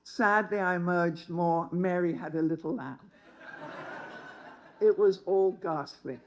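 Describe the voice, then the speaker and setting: Older woman in her seventies, dry wit, tells her story slowly to a room of listeners. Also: fairly low pitch, poor audio. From England. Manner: wry, humorous. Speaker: speaker. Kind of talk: personal storytelling talk.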